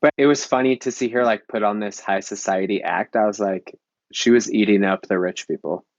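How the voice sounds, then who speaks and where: A low-voiced man chatting casually on a film podcast, stringing thoughts together with "like". The sound is dry and a bit dull. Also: brisk, dry recording. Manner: chatty, heavy use of "like". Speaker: podcast panelist.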